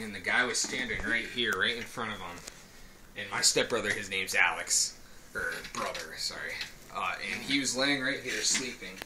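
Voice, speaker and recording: A man's voice: mid-range voice, background noise. Rambling young man in a home video. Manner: rambling, excitable, swears, repeats himself. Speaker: vlogger. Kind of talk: casual storytelling to camera. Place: apartment room, indoors. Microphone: camera held by a cameraman.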